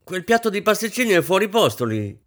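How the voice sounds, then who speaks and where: A man voicing a fussy, vain, middle-aged rich woman who snaps orders in a shrill, overwrought way. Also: very animated, brisk, fairly bright tone. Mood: frantic, bossy.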